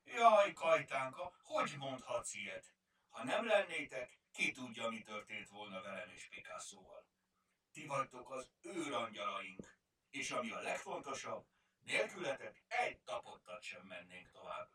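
A man voicing a kind, brave young girl in a storybook, speaking gently and earnestly. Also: mid-range voice, sing-song. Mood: reassuring. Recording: roomy, distant mic.

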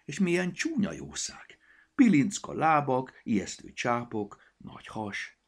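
A man's voice: medium pitch, wildly swooping pitch, husky, pitched above the performer's own voice, heavily acted. A man voicing a fussy, busy little male elf who chatters and grumbles to himself. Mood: lively.

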